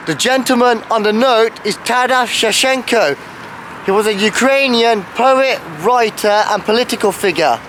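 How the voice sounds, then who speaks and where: A man narrates his travel vlog straight to a handheld camera on a wintry city street, shivering with cold. His voice sits fairly high and his delivery is chatty and informative. Faint traffic hums in the background. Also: normal speed, fairly bright tone. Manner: chatty, informative, self-filming. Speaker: travel vlogger. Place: outdoors in a city street in winter.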